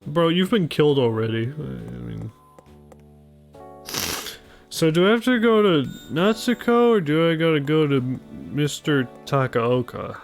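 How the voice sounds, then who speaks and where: A man's voice: a little high, very animated, unhurried, vocal fry. A man giving casual commentary while playing a video game. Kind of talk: casual gameplay commentary, reading dialogue aloud. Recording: music behind the voice. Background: game music.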